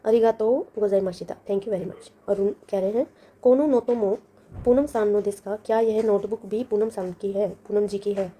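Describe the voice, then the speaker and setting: Mellow-voiced woman teaching a lesson. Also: mid-range voice, fairly even intonation, normal speed. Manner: explains patiently, repeats words with meanings. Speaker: language teacher. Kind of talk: lesson walkthrough.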